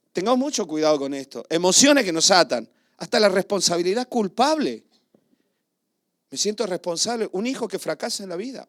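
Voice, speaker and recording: A middle-aged male pastor, preaching a sermon and telling personal stories with emotion, swinging between loud and hushed. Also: a little high.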